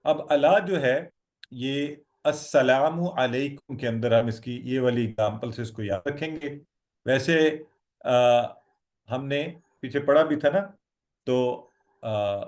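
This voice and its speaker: A man's voice: medium pitch, darkish tone. A man teaching an online Arabic lesson, patient and encouraging as he drills his students. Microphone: video call.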